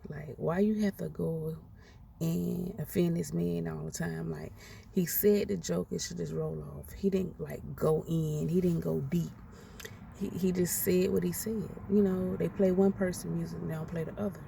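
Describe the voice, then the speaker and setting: A woman in her 40s rants bluntly and profanely on a podcast, airing her opinions in a casual way. Her voice is fairly low, gravelly and mellow, with a steady tone and normal speed. The recording is noisy and she sits far from the mic.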